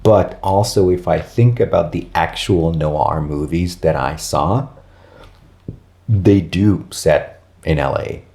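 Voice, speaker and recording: A man co-hosting a podcast, in a relaxed, casual film discussion with loose phrasing. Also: low voice, slow, vocal fry. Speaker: podcast co-host.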